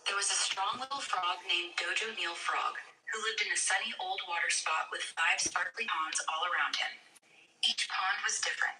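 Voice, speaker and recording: Bright synthetic woman narrating a storybook. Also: on the low side, moderate pace. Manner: even, smooth reading with no slips. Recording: distant roomy voice with music.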